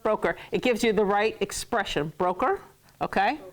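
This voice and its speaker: A woman leads a classroom lesson in a playful way. Her voice sits at a middle pitch, and she laughs often and jokes with her students. She repeats words to drill them. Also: animated, moderate pace. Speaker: Hebrew teacher.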